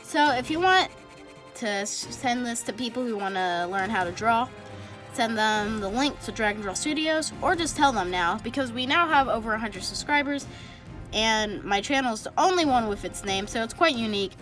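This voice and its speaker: A woman talks her way through a casual drawing tutorial, rambling and correcting herself as she colors. Her pitch jumps around in lively swings. Faint music plays softly behind her. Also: normal speed. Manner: self-correcting, thinks out loud. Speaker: drawing channel host.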